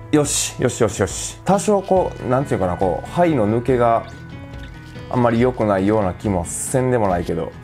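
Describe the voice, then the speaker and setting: A man's voice: fairly low pitch, creaky, a little mellow. A man with a Kansai accent chatting casually in a gear-review vlog, thinking aloud with lots of fillers. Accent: Kansai Japanese. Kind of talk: casual mic-test vlog. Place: indoors at home, later outdoors at night.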